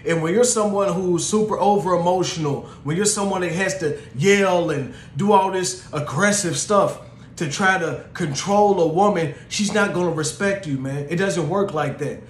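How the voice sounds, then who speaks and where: A man's voice: sits high, moderate pace, reverberant, slight background noise. A young man hosting his show, speaking in an earnest, conversational way and often dropping "man" and "you know". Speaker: podcast host. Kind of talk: casual monologue on relationships.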